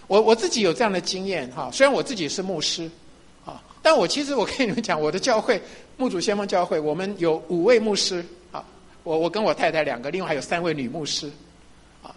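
一位中年男牧师在讲道中分享自己的见证，语气随意，常常笑，口头语很多。. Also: male voice, sits high, animated, quick pace. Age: middle-aged. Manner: chatty, laughs often, frequent fillers. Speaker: pastor. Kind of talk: sermon testimony.

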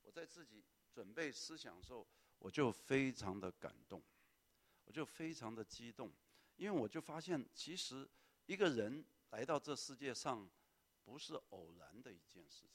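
Lively preaching pastor, a man. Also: medium pitch. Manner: lively, often calling on the congregation to answer; mixes in English words. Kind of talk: sermon.

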